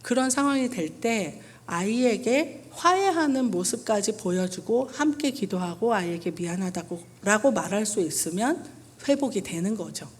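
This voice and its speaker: A woman's voice: medium pitch, animated, moderate pace, slightly rough. A woman in her forties, a pastor's wife, speaking earnestly to a church parents' meeting and acting out lines between parent and child. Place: church hall.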